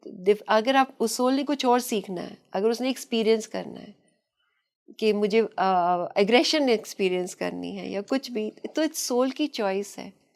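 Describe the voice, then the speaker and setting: A woman talks as a guest on a podcast interview, explaining through stories at an even pitch. She drops English phrases into her speech and laughs lightly now and then. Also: a little slow, creaky. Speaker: past-life therapist, guest.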